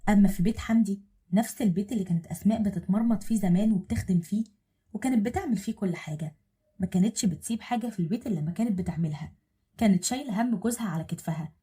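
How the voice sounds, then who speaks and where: A woman with an Egyptian accent narrating a dramatic social story. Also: medium pitch. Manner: quick, expressive storytelling.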